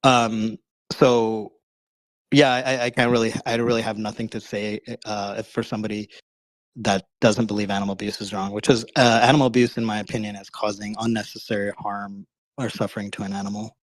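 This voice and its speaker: Guy debating casually, kinda low voice, halting and rephrasing, really dry close sound. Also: level tone, no echo, rough recording. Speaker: debater on a live call-in show. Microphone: online voice call.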